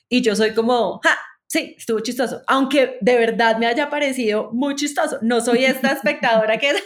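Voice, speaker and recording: A Colombian woman speaks as a podcast guest in a casual, animated way, often laughing and restarting her sentences. Her voice sits a little higher than most women's. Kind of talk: casual conversation about books.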